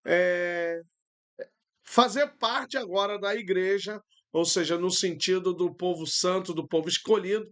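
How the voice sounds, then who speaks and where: Slow, high-voiced Brazilian pastor teaching. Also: male voice, a bit bright, clean tone. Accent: Brazilian Portuguese. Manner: patient, explanatory, pauses with fillers. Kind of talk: live-streamed online Bible lesson.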